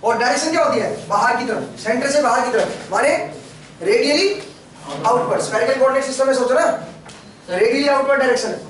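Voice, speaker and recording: High-voiced lecturer in an echoey classroom. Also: male voice, quick pace, far from the mic. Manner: questioning, prompts students constantly. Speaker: engineering lecturer. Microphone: camera far from the speaker.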